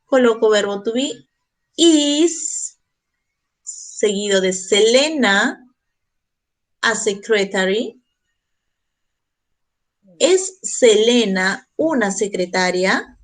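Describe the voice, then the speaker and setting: A woman English teacher giving a classroom grammar lesson, walking through each step slowly and deliberately. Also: medium pitch, animated, low-quality recording.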